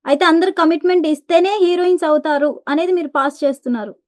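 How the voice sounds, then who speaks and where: A woman's voice: extremely high pitch, fast, darkish tone. A woman interviewer asking probing, challenging questions.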